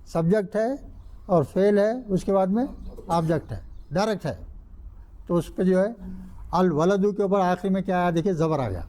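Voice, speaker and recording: A man's voice: high-pitched, long pauses, dark tone. An older man teaching an Arabic grammar class in a mosque, asking the class questions and answering them himself while repeating the key rules. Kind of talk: classroom lecture.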